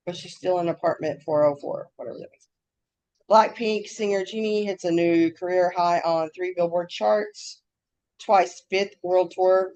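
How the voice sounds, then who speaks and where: A woman with a slightly low voice co-hosts a casual podcast. Her R's come out close to W's. She reads news items and comments on them in a scattered, easily sidetracked way. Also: mellow, poor audio. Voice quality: trouble saying R's, w-like R sounds. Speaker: podcast co-host.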